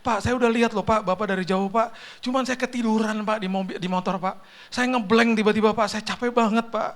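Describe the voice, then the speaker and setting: A man's voice: high-pitched, fairly even intonation, fairly quick, fairly bright tone, pitched above the performer's own voice. A man voicing a worn-out young male courier who pleads and apologizes through tears. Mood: tearful pleading. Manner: pleading, sobbing, apologizing over and over.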